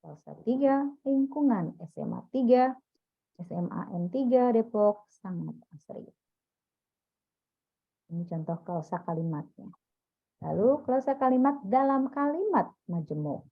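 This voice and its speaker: A woman's voice: on the high side, lively intonation, unhurried. Woman teacher lecturing on dull audio. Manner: explains step by step, quizzing listeners. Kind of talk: classroom lecture.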